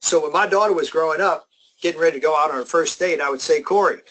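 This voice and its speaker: A man's voice: fairly high pitch, fairly bright tone, poor audio. Emphatic middle-aged man teaching sales. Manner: emphatic, slows down to stress key points. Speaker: sales trainer. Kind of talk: motivational webinar presentation.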